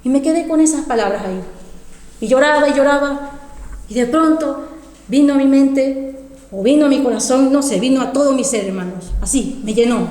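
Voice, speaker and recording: A woman with a high voice preaches a sermon, telling her own testimony with emotion and repeating key phrases to the congregation. Her voice rings through an echoey church hall with a long reverb tail. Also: normal speed, warm tone. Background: congregation calling out amens.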